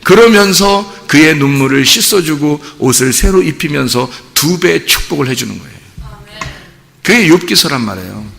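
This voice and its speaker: A man preaching a sermon as pastor, telling a story with animated voices for each figure. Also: on the high side, normal speed, creaky. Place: church sanctuary. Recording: long hall reverb.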